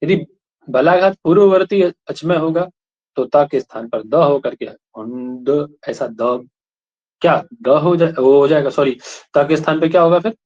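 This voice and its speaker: A man's voice: a little high, unhurried, a little mellow. A male teacher giving a classroom lecture, asking students questions again and again and checking that they follow. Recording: dull lo-fi recording.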